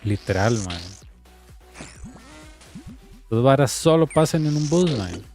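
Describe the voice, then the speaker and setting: A man's voice: mid-range voice, animated, moderate pace, darkish tone, soft background music. A man with a Costa Rican accent telling a story casually, loose and slangy, with a filler word after nearly every phrase. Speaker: streamer.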